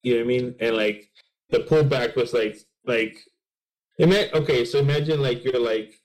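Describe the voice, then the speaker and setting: A man co-hosting a laid-back podcast, rambling through his points with endless fillers. He keeps slipping into quick acted-out bits of imagined dialogue. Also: mid-range voice, a little mellow, rough recording. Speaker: podcast co-host. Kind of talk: casual chat.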